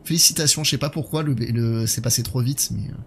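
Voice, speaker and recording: A man in his thirties streams a horror game, talking casually to his viewers as he plays. His voice sits at an ordinary pitch for a man. Game ambience is clearly audible behind him. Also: fairly quick, slight background noise. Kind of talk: casual live gameplay commentary, chatting with viewers. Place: indoor gaming setup.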